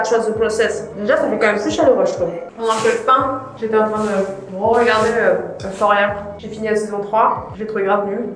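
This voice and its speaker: A woman's voice: mid-range voice, very echoey, poor audio. A young woman filming a casual home vlog, chatty and self-mocking, swearing casually as she paints her entryway. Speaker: vlogger.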